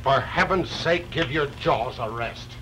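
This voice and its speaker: An actor playing an impatient, scornful juror in an early talkie film, brusque and sardonic. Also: male voice, mid-range voice, a little slow, sharp tone. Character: impatient, scornful male juror bullying a holdout. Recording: distant, faintly noisy 1920s film soundtrack.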